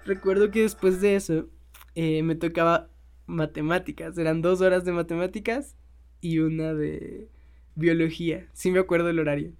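A young man casually telling a personal story, swearing freely and laughing often. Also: high voice.

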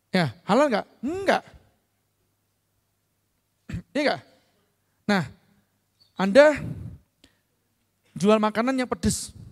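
A middle-aged man giving a motivational business talk, often asking his listeners whether they understand and clearing his throat. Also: high-pitched. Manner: checks understanding with frequent tag questions. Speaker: business speaker. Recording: long hall reverb.

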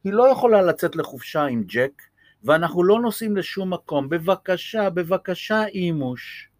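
A man's voice: high-pitched, expressive, no room sound, voice pushed up. A man doing a pleading young girl. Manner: begging, eager.

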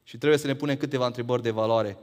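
A man preaching a sermon, firing rhetorical questions that climb to emphatic peaks and then drop low. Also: steady tone, big-room sound.

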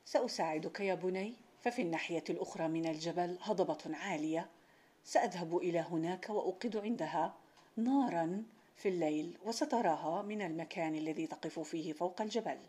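A wise old village sheikh, kind and unhurried, who speaks calmly and reassuringly, as a woman storyteller reads him. The voice is low and plain. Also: slightly rough. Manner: calm, reassuring.

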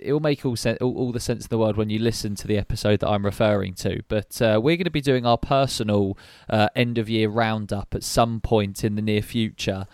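A young man co-hosting a casual podcast. He talks in a chatty, rambling way with plenty of fillers. His voice is smooth and fairly low, and it sounds close and dry. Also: fairly quick, few pauses, darkish tone, no room sound. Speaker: podcast co-host. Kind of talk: casual chat.

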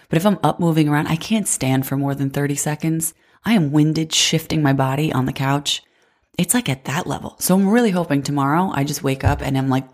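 This podcast host, a woman in her twenties, talks solo and casually despite being congested and sick, so her voice sounds nasal. It sits low and has a darkish tone, and her chatty manner is full of "like."

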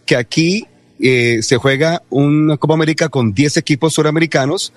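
Chatty field reporter. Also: male voice, fairly high pitch, normal speed. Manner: chatty, explains the scene around him. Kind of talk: live on-location report.

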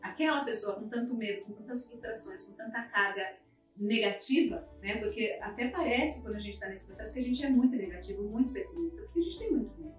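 A woman's voice: on the high side, fast talker. A woman, a podcast guest, telling a personal story and acting out what each person said. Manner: vivid, acts out quoted dialogue. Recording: roomy, distant mic, faint music behind.

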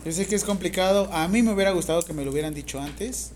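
A woman with a Mexican accent teaching a classroom of nursing students, lively and teasing, asking them questions directly. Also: fairly low pitch, fast talker, a little hiss or hum. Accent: Mexican Spanish. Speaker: nursing instructor. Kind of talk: classroom lecture.

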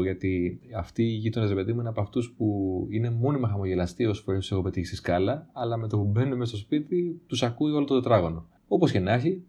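A man with a low, mellow voice tells a story in a loose, conversational way. His tone is wry and he swears casually as he goes. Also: slightly rough.

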